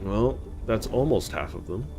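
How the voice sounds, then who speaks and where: A man's voice: lowish voice, lively intonation, unhurried, creaky, music in the background. A man hosting a video game playthrough, casually commenting and reading on-screen text aloud. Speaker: gaming playthrough host.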